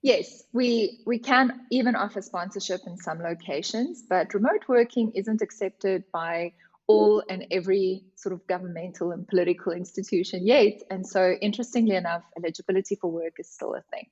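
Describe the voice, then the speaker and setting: A woman's voice: medium pitch, normal speed, a little mellow. A woman speaks with a broad South African, Afrikaans accent in a slightly dull, lo-fi recording. She explains things conversationally and with enthusiasm, like a guest on a podcast. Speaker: company representative, interview guest. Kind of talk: conversational podcast interview answers.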